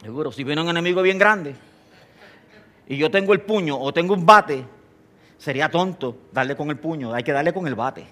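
Older pastor, bright high voice. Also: male voice, moderate pace. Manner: animated storyteller, humorous asides, asks the congregation questions. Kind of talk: sermon.

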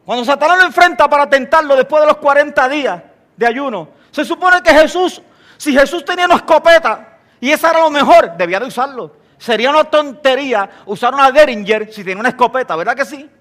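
Older preacher, animated storyteller with jokes, fairly high and sharp-toned voice. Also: male voice, quick pace. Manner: animated storyteller, humorous asides, asks the congregation questions. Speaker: pastor. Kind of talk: sermon.

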